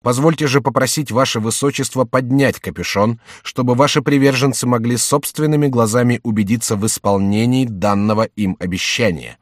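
Guy reading as a scheming duke, solemn and persuasive, a bit raised and louder than his narration, dry studio sound. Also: mid-range voice, brisk, few pauses, dry recording, lightly acted. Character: scheming noble male duke, commanding. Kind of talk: audiobook reading.

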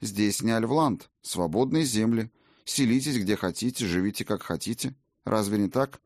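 A man's voice: on the low side, lively intonation, moderate pace, a little mellow, no room sound, studio quality. A man reading a young valkyrie warrior woman. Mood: puzzled. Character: young female warrior, former valkyrie, direct.

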